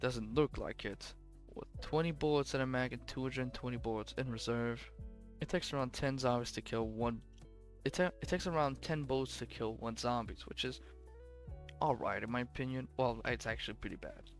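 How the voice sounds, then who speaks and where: Over soft background music, a young gaming commentator ranks weapons at a normal speed in a mid-range voice. His talk is offhand and rambling, with frequent self-corrections, and he sounds sleepy, his voice worn from long recording.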